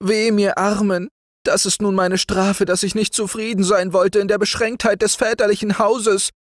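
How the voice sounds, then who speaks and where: A man's voice: sits high, level tone, moderate pace, no room sound, studio quality, voice pushed up, natural voice. A man voicing a young sailor desperately pleading his innocence in a told story. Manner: pleading, anguished.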